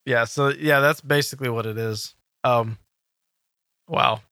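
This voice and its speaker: Bright, clear-voiced male podcast host. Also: medium pitch, fairly even intonation, no echo, clean studio sound. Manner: filler-heavy, halting delivery with frequent "um". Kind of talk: casual gaming podcast chat.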